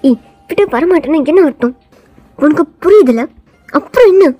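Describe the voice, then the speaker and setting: A woman's voice: sits high, normal speed, mellow, breathy edge, soft background music, voice pushed down. A woman voicing a cold, arrogant young male CEO who talks in a taunting, domineering way. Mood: insistent. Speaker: voiceover artist.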